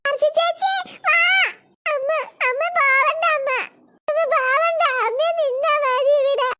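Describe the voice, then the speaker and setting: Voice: a little slow, bright, forceful tone, heavily acted. A performer voicing small preschool kids in a cartoon, a cheeky bully and whining crybabies, with a Malayali lilt. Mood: whiny. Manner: squeaky childish whining. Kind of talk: cartoon voice acting.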